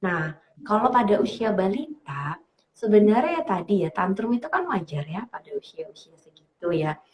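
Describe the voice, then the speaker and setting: A woman psychologist giving parenting advice on a talk show, speaking in a lively way, laughing often and acting out parents and children. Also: medium pitch, moderate pace. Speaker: psychologist guest. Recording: roomy echo.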